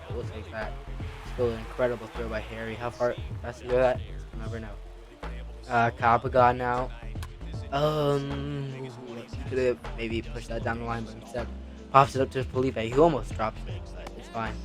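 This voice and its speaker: A man giving excitable let's-play commentary on a baseball video game, talking back at the game and pleading with players. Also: medium pitch. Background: background music.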